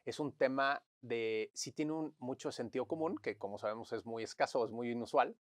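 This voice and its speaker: A man, a guest in an interview, telling stories in a lively way and acting out what others said to him. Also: mid-range voice, normal speed, no room sound. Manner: animated storyteller, acts out quotes. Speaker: interview guest, crisis management consultant. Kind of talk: conversational interview.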